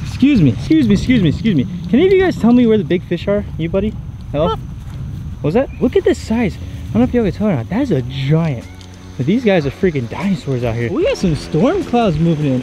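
A man in his twenties chatting excitedly to viewers on an outdoor fishing vlog, slangy and upbeat, recorded on an action camera by a pond. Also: fairly high pitch, a little hiss or hum. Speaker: fishing vlogger. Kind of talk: casual outdoor vlog commentary. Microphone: action camera, head-mounted and handheld.

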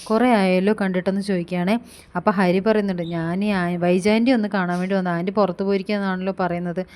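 A woman quickly retelling a TV serial episode, quoting each character's lines in turn with frequent fillers. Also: medium pitch, fairly even intonation, a little mellow. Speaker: serial review vlogger.

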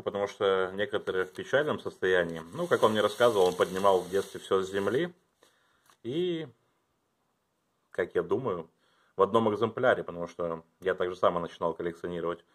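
A man chatting casually at home as he unboxes and reviews his collection, thinking aloud and dropping to quiet mutters as he handles things. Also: sits low.

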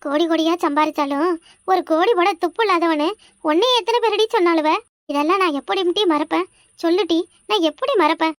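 A woman voicing a proud, sharp-tongued old village mother-in-law in a cartoon, scolding with rapid-fire questions. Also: very high-pitched, no room sound, studio quality. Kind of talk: cartoon voice acting.

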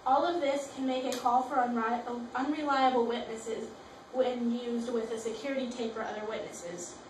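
A young woman presents a school project, reading her notes aloud and restarting words as she goes. Her voice sits high. She is picked up from a distance in a roomy, echoing space with faint background noise. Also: fairly even intonation, normal speed. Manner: reads from notes with frequent restarts. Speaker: student presenter. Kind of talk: class presentation. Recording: echoey room from far off.

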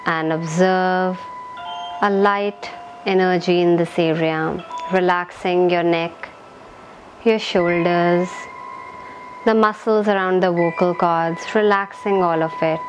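Over a noisy background, a woman with a lowish voice leads a guided meditation. She speaks in short, soothing phrases, calm and gentle, leaving long pauses between instructions.

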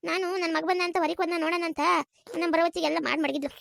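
A performer voicing an older village mother, fast and nagging in a cartoon. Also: very high-pitched, fairly even intonation, gravelly, no room sound, studio quality. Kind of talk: cartoon voice acting.

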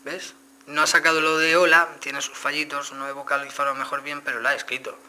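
A phone reviewer with a Spain Spanish accent casually demos a phone, walking viewers through each step and speaking to them directly. His voice is fairly high, flat, bright and pushed, a little fast, with slight background noise.

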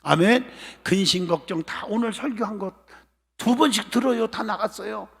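A man pastor preaching a sermon to a congregation, emphatic and urging amens, at times breaking into shouts. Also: high voice, moderate pace, vocal fry, slightly rough. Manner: emphatic preaching, often calling for amen; bursts into shouting at climaxes. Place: church sanctuary during a live service. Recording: long reverb of a church hall.

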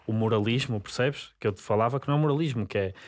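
A man's voice: medium pitch, very fast, darkish tone. A man, hosting a podcast and pressing his guest with follow-up questions. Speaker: podcast host. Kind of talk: casual interview questioning. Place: small studio with acoustic foam. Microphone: desk mic on boom arm.

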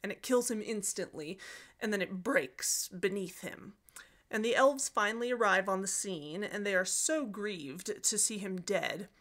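A woman's voice: mid-range voice, a little slow, fairly bright tone. A woman hosting a book summary series, retelling a story in a chatty, casual way with joking asides.

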